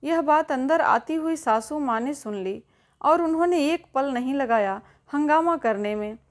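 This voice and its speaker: Female storyteller, high voice, scripted narration of a family tale, reads evenly and voices the characters herself. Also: lively intonation, unhurried.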